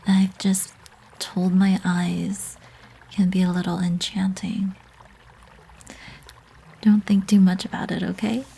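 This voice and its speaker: Woman as a breathy, flirty succubus, ASMR role-play. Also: medium pitch, flat delivery, takes it slowly, long pauses, exaggerated voice, low-quality recording. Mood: coy, seductive. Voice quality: breathy, soft. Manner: teasing, intimate, coaxing.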